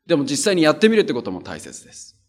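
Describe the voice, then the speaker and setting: A man's voice: on the high side, huge pitch swings, racing. A man preaching a conversational sermon and reading scripture aloud, earnest and plain-spoken, driving points home by repeating them. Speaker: pastor.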